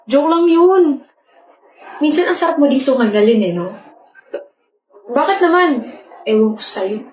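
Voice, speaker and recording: High-voiced woman bickering in an echoey room. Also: animated, normal speed, a little hiss or hum. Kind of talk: acted comedy skit dialogue.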